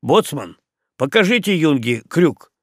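A man doing a gloomy, gruff sea captain. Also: on the high side, sing-song, measured pace, no room sound, clean studio sound, heavily acted. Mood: grave. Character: stern, gloomy male ship captain.

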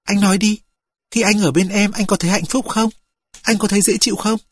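A reader voicing a frail young woman who speaks softly and tenderly to her lover, in a husky voice. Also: medium pitch, fairly even intonation, brisk, pitched above the performer's own voice, close to an everyday voice. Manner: soft, pleading and intimate.

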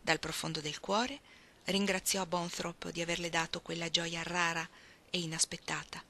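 A woman reading a literary novel aloud, expressive, dropping at times to hushed, almost whispered phrases. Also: lowish voice, moderate pace. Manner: expressive, shifting between soft hushed phrases and emphatic ones. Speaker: reader.

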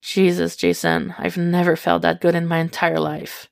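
A reader voicing a sleepy, soft-spoken young man, low and gravelly. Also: completely flat delivery, moderate pace, no room sound, clean studio sound. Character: tired, drifting young man.

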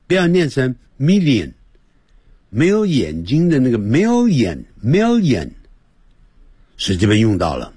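Lively, husky-voiced male radio teacher. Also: medium pitch, measured pace, no room sound, clean studio sound. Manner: animated, drills pronunciation by repeating phrases; playful, jokes with listeners. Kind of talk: radio language lesson.

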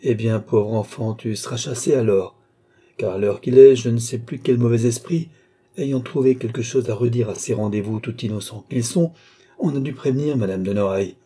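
Reading an audiobook, a man portrays an old duke and marshal with a sly, teasing manner and a knowing, lightly threatening tone. His mid-range voice is dark and slightly rough at a moderate pace, close to how he might sound day to day.

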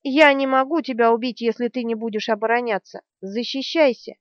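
A woman reading the part of a fierce, desperate female warrior in an audiobook, shouting and shrill. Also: fairly quick, dry recording, close to an everyday voice. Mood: furious desperation. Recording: dry, slightly dull studio sound.

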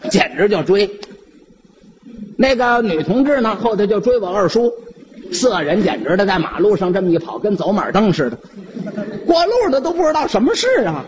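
Male comic storyteller, Beijing accent, high, lively delivery, playful. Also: normal speed, slight background noise. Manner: animated, playful narration.

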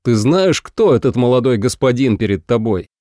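A man's voice: medium pitch, animated, moderate pace, dark tone, no echo, clean studio sound, natural voice. A man voicing a proud, arrogant young male clan heir who speaks coldly and mockingly. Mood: haughty. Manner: cold, mocking and haughty.

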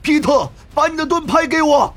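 A man voicing a desperate adult male fighter who yells in a strained, raised voice. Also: extremely high pitch, lively intonation, normal speed, voice pushed up. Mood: urgent. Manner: strained, yelling.

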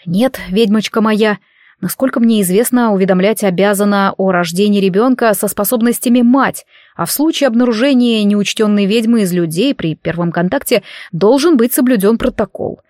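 A woman reader voicing a calm, steady adult male werewolf who is protective. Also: medium pitch, normal speed, no echo, studio quality, close to an everyday voice.

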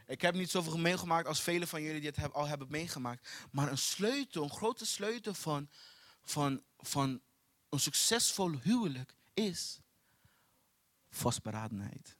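A young man preaching a sermon in a church, building up to loud, chanted refrains. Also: fairly high pitch, normal speed, no room sound. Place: church hall.

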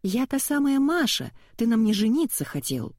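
A woman's voice: fairly high pitch, very animated, moderate pace, a little mellow, no room sound, studio quality, voice pushed up. A woman narrator voicing a shy, lovelorn woman in her forties who speaks hesitantly and wistfully.

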